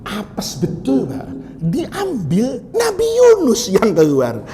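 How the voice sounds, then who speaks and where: A man's voice: high-pitched, wildly swooping pitch, slow, warm tone, a little hiss or hum. A man preaching a humorous sermon, telling stories and joking with his listeners. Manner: joking, storytelling, addressing listeners as "Pak". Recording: reverberant hall.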